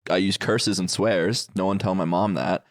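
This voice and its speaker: A man co-hosting a podcast, delivering crude jokes in a dry, deadpan way. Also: deep voice, moderate pace. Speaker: podcast co-host. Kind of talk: crude casual banter.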